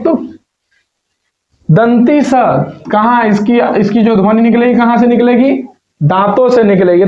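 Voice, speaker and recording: Male tutor, high voice, warm with pupils, self-quizzing, dull echoey room sound. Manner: asks and answers his own questions; addresses students affectionately. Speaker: teacher. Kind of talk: exam paper walkthrough lesson. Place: filmed room with a camera operator.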